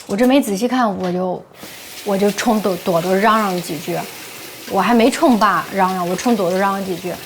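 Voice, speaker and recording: An actress playing a flustered middle-aged wife who defends herself at length, stumbling and repeating herself. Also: female voice, mid-range voice, fairly quick, a little hiss or hum, lightly acted. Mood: defensive. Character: flustered wife and mother, defensive, quick to argue. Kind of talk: TV drama acting.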